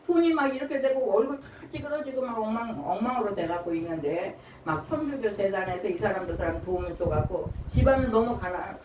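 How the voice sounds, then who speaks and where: A woman pastor giving a conversational sermon. She often turns to the congregation with a quick question, and she acts out pleading quotes in a raised voice. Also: mid-range voice, a little mellow. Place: church hall. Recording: roomy church from a distant mic with faint hiss.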